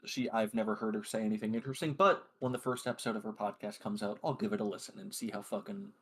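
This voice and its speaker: Low-voiced joking podcast guy. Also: quick pace, husky. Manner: joking, profane, deadpan teasing. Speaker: podcast co-host. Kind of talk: casual chat.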